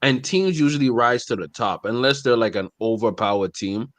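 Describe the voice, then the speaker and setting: A man's voice: mid-range voice, animated, normal speed, no echo. Chatty laughing man, dry sound. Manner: laughs often, says "you know what I mean" a lot. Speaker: podcast co-host. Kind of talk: casual sports chat.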